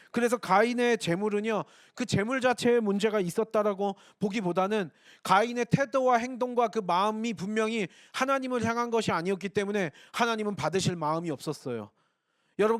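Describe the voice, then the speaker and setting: A man's voice: high-pitched, no room sound, studio quality. A man, a pastor, preaching a Sunday sermon earnestly, often calling on his congregation and acting out short lines of dialogue. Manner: earnest, addresses congregation repeatedly, acts out dialogue.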